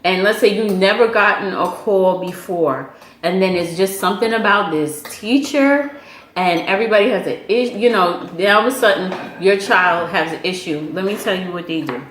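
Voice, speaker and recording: A woman's voice: medium pitch, normal speed, a bit bright. A woman giving parenting advice in a casual family chat, motherly and direct. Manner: motherly, advising, teasing. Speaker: parent and vlog host. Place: home room at a meal. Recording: echoey room with faint noise.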